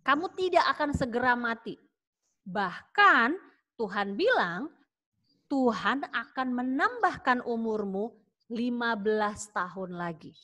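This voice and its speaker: A woman's voice: on the high side, animated, slow, sharp tone, heavily acted. A woman voicing a male prophet who brings good news to a king, in a storytelling lesson for children. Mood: announcing.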